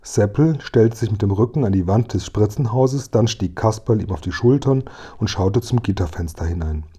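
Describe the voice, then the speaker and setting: Man reading a children's story, mellow. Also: on the low side, moderate pace, breathy edge. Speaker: audiobook reader. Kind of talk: storybook narration.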